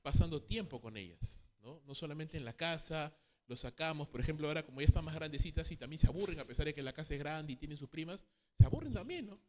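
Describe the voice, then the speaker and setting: A man's voice: fairly high pitch, lively intonation, fast, background noise. A man teaching a Bible counseling class, tagging sentences with a questioning "no?", repeating key phrases and acting out quoted parents and children. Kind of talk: church class lecture.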